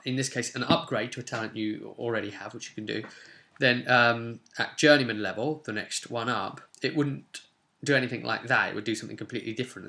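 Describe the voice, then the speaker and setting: A young man in his twenties, host of a tabletop roleplay channel, reads parts aloud and casually discusses game rules from a desk in a small home room. His voice is mid-range and gravelly, with a pushed, bright quality.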